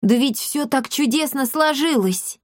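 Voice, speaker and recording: A woman voicing an excitable, boastful young boy in a storybook reading. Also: high-pitched, a little slow, no echo, studio quality, voice pushed up. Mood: eager.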